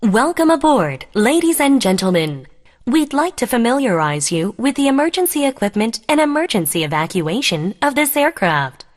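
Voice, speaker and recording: A woman acting as a flight attendant reads a scripted cabin safety announcement in a formal, measured manner. Her voice is fairly high and sing-song.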